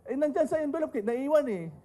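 Middle-aged Filipino man, panel speaker, high and soft-toned voice, joking lecture manner. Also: lively intonation, quick pace. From Philippines. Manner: joking asides and rhetorical questions. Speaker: tax lawyer speaking on a panel. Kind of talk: lecture to an audience, mixing Tagalog and English.

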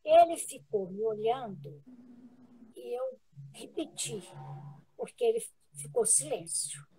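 A woman with a Brazilian Portuguese accent, a guest in a live interview, telling a personal story in an earnest, halting way with many restarts. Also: a little high, sing-song, warm tone, a little hiss or hum, rough recording.

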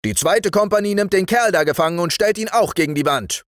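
A man's voice: high-pitched, a little fast, no echo, clean studio sound, voice pushed up, natural voice. A man doing a barking toy-soldier sergeant. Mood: commanding. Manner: barked commands. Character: gruff fat male toy-soldier sergeant, bossy.

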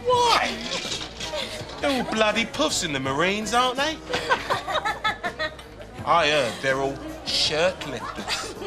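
An actor playing a brash, mocking loudmouth who laughs and shouts insults in a bar. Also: male voice, sits high, sing-song, slow, long pauses, full character voice. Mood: taunting. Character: brash loud-mouthed rich man, taunting in a bar. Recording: noisy bar with music and crowd. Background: music and crowd chatter.

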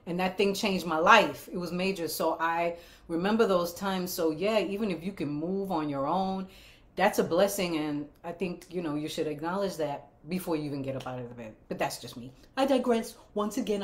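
Animated, playful woman livestream host. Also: on the low side, normal speed. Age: 50s. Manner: animated, playful and emphatic, with cheering repetitions. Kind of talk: casual livestream chat.

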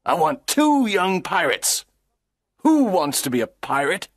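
A cruel pirate captain from a children's storybook, voiced by a woman. The voice is husky and swings widely in pitch. The delivery is gloating, menacing and theatrical. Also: big pitch swings, a little slow, exaggerated voice. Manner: menacing, theatrical commands with villainous laughter.

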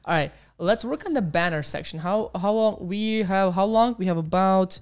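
A young Ukrainian coding instructor speaks at a moderate pace in a smooth voice, with soft background music on his livestream. He keeps up an upbeat, exclamatory chat with viewers while typing and often says "boom" and "beautiful." His small home studio has a studio mic on an arm, and he wears headphones.

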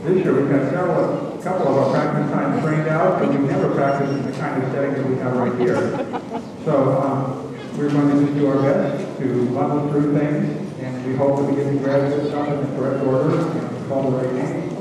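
A man giving a halting graduation welcome speech with frequent ums, captured on an old VHS home video from far back in a school gym. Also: mid-range voice, steady tone, very echoey, long reverb tail. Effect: old VHS home video recording. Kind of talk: ceremony welcome speech over a PA. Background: crowd in the gym.

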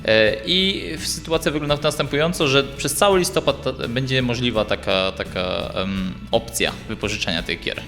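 A man's voice: medium pitch, moderate pace, hardly any pauses, a bit bright. Guy explaining stuff in an interview, stumbles a bit, big echoey room, music under. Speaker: library representative. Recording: long reverberant hall, music behind.

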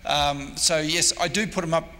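His voice leans high, with fairly even intonation, normal speed and a bright, forceful tone. This Australian historian in his sixties gives an unprepared convention lecture and takes audience questions, rambling hesitantly and putting himself down. Echo and background noise fill the indoor meeting room.

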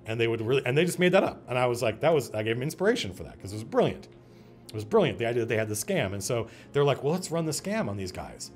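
A man hosting a casual stream about running tabletop games, talking in an animated, digressive way with frequent restarts. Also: mid-range voice, rapid-fire, soft background music. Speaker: host and game master. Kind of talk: casual livestream talk on game mastering.

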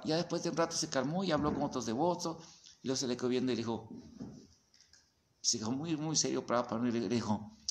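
A man with a Mexican accent giving a lively storytelling talk to devotees, acting out voices and sounds as he goes. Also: medium pitch. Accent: Mexican Spanish. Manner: animated storyteller, acts out voices and sounds, often asks "¿verdad?". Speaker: spiritual teacher.

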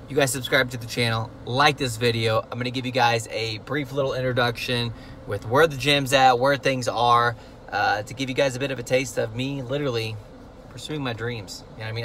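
A man's voice: medium pitch, a bit bright, slight background noise. A young man in his twenties casually vlogging as a gym owner, chatty and upbeat with loose fillers, filming on a phone at arm's length. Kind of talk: casual vlog walkthrough. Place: car, then large empty gym room. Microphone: phone held at arm's length. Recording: long reverb in empty hall.

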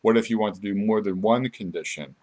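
A man's voice: fairly low pitch, brisk, a little mellow. A man narrating a step-by-step screen tutorial as an instructor, explaining things informally and without a script.

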